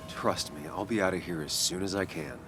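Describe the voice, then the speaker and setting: Brooding game hero, an actor doing a very low, measured male voice, game score behind. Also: over music, lightly acted. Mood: wary. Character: male journalist back in his hometown, brooding. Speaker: game protagonist. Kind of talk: video game voice acting.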